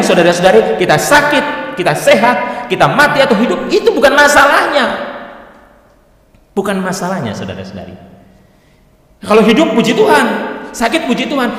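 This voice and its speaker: Lively joking priest in echoey church. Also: male voice, high-pitched. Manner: lively, joking, sings hymn lines. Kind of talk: sermon.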